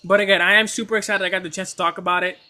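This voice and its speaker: Male streamer, high bright voice, hyped and stammering, casual live chat. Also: very fast. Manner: excitable, stammering, apologetic. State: coughing at times. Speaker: anime streamer.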